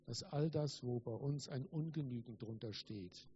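Earnest male preacher, mellow tone. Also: mid-range voice, normal speed, highs cut off, a little hiss or hum. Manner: earnest, emphatic preaching with repetition. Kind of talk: Christmas sermon with read-aloud story.

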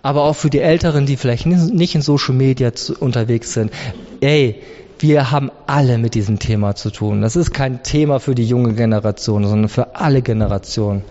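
A man's voice: mid-range voice, brisk, mellow. A man preaching a sermon, impassioned, driving his points home by stacking repeated phrases. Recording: long hall reverb, dull lo-fi sound.

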